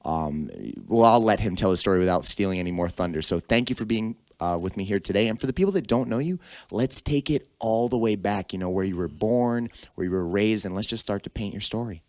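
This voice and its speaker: A man hosting a podcast, reading a sponsor shout-out and introducing his guest with upbeat enthusiasm. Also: lowish voice, fairly quick, no room sound, clean studio sound. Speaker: podcast host.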